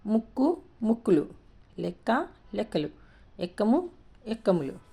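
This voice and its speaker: A woman teacher leads a lesson in a warm, mellow voice. She reads words out slowly, drawing each syllable out clearly, then explains them in a steady classroom tone. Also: mid-range voice. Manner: slow, drawn-out syllable-by-syllable word reading. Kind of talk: Telugu grammar lesson, reading words aloud.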